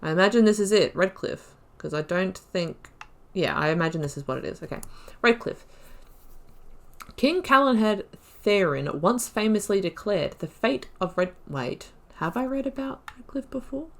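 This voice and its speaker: A woman hosting a gaming video reads game lore aloud, tossing in informal, self-correcting asides as casual commentary. Her medium-pitched voice is expressive and moves at a moderate pace.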